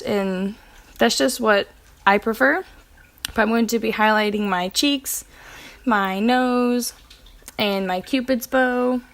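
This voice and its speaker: A young woman narrating a makeup tutorial in a casual, chatty way, with filler words and self-corrections, while she has the hiccups. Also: a little high. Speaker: beauty vlogger.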